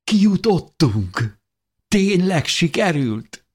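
A man voicing an excited teenage boy hiding in a cave, speaking high and breathless. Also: slightly rough.

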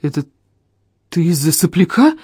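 An audiobook reader voicing a hot-tempered strongman, growling out short clipped lines in a dark, dry voice. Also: medium pitch, sing-song, normal speed, husky, no echo. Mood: stunned. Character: strong hot-tempered grown man in rage.

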